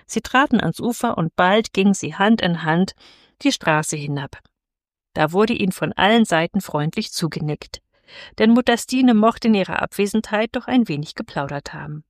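A woman's voice: mid-range voice, expressive, moderate pace, no echo. Woman reading a fairy tale, dry sound. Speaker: narrator. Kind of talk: scripted fairy-tale narration.

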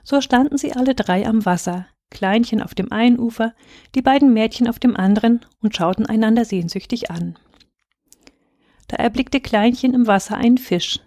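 A woman reading a fairy tale aloud in calm, measured scripted narration. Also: fairly high pitch, dry recording, studio quality. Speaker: reader.

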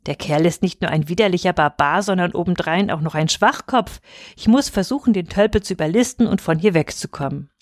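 A woman voicing a clever young noblewoman in a storybook, speaking in a composed, measured way. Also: lowish voice, no echo, studio quality, close to an everyday voice. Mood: scornful. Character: clever young noblewoman, scornful, feigning sweetness.

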